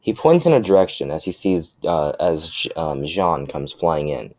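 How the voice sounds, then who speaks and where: A young man with a low, deep voice improvises a fan story aloud. He stumbles through restarts and fillers as he goes. The sound is close and dry, with no room echo. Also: animated, a little mellow. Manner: halting, full of restarts and fillers.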